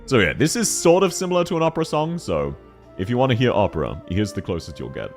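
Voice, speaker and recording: A man streaming live, chatting casually with his chat in an excitable way, with a deep, soothing voice. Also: fast, soft background music. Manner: excitable, lively, laughs often, greets chat.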